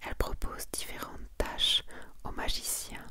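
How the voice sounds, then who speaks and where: Here an ASMR host, a woman, whispers slowly and softly in an unhurried, hushed manner. She goes through a manga collection, reading its summaries and adding casual observations.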